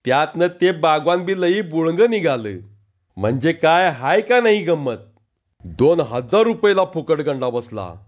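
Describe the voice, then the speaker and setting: A man's voice: a little high, lively intonation, a little slow. A man doing a whining hungry village laborer. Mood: pleading, whining. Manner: whining, pleading. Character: hungry, pleading male village worker. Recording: dull lo-fi recording.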